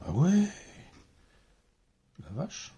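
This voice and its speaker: A man's voice: a little high, huge pitch swings, very slow, mellow, breathy edge. A man with a French accent casually commenting while opening card packs, mumbling card names aloud as he goes. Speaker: card collector opening boosters.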